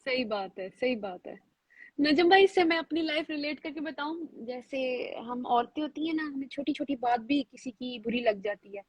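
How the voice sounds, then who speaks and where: A woman's voice: high voice, husky, dry recording. A woman hosting a talk, chatty and affirming, relating the topic to her own life. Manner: chatty, shares personal stories, affirming. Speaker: host. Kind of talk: casual talk show chat.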